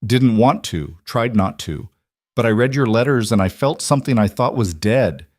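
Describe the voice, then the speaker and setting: A guarded, lonely frontier woman, shy and sincere, her words coming soft and halting, as a low-voiced man reads her in an audiobook. The voice sits low and close, with no room around it. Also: animated, dry recording, natural voice. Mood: tender.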